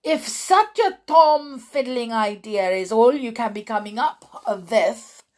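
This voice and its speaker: The shrieking Grand High Witch. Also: lively intonation, slow, a little mellow. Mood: enraged. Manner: shrieking, screeching, foreign-sounding broken English. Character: tiny furious female Grand High Witch.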